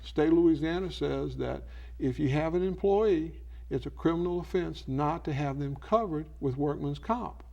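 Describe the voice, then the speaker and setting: A man's voice: a little high, moderate pace, creaky, mellow, muffled recording. A man speaking as an advising expert in an infomercial interview, explaining didactically by posing questions and answering them himself. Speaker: elder law expert giving advice.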